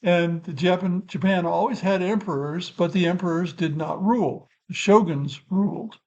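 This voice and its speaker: Older man musing, higher-pitched voice. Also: normal speed, darkish tone, dull audio. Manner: rambling and thoughtful, self-correcting asides. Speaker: channel host. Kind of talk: unscripted explanatory talk.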